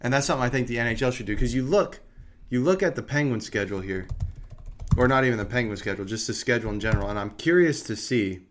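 A man's voice: mid-range voice, fast talker, slight background noise. A man hosting a podcast, chatting casually and thinking aloud about hockey schedules. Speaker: podcast host. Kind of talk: casual sports chat.

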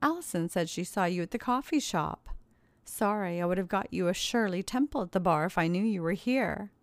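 A woman's voice: lowish voice, expressive, fairly quick, no echo. Woman doing a smug, mocking bully. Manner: smirking and teasing.

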